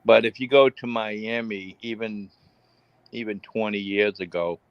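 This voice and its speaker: A man's voice: fairly low pitch, steady tone, unhurried, clear, resonant tone, no echo, lo-fi sound. A man with a Boston accent in casual chat on a live stream, rambling with many restarts.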